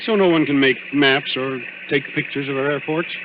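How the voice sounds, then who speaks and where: A man plays a gallant naval commander in an old-time radio drama. He is reassuring and polite, with a mid-pitched voice. The recording is dull and clearly noisy. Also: fairly even intonation, moderate pace, natural voice.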